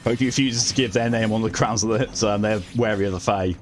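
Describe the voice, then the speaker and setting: A man's voice: on the low side, fairly even intonation, brisk. A man streaming a video game, chatting casually in a rambling, wry way with some swearing. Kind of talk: casual live game commentary and chat. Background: game music.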